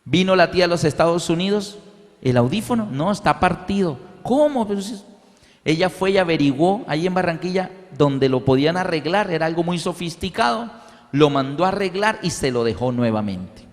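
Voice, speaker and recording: High-voiced preacher in a reverberant hall. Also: male voice, fairly quick. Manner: animated storytelling, acts out voices. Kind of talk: sermon with personal story.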